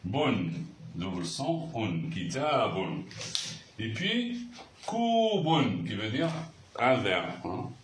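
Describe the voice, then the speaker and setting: A man gives a slow, patient lesson and often repeats words as he writes. His voice rises and falls a lot. He sounds distant and roomy, with a faint hiss behind him. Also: mid-range voice. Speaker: Arabic teacher.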